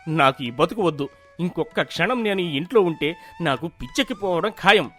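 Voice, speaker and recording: A man's voice: fairly high pitch, animated, moderate pace, bright, forceful tone, soft background music. A man voicing a weary young farmer husband in a cartoon, pleading and exasperated, caught between quarrels. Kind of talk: cartoon voice acting.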